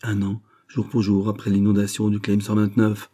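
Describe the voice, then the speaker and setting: A man's voice: fairly low pitch, completely flat delivery, moderate pace, lightly acted. A man doing a bewildered, stammering cousin. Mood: dazed. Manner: hushed, stammering. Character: bewildered, flustered male cousin.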